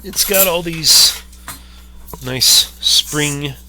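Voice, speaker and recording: A man's voice: on the high side, very slow, background noise. A man hosting a casual video-call conversation, thinking aloud in long winding sentences. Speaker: channel host. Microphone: webcam on a mic arm at home.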